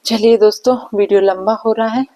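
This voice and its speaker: A woman's voice: mid-range voice, fairly even intonation, brisk, warm tone, poor audio. A woman vlogger giving a reaction commentary, scolding and indignant, firing off rhetorical questions. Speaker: vlogger reacting to online drama.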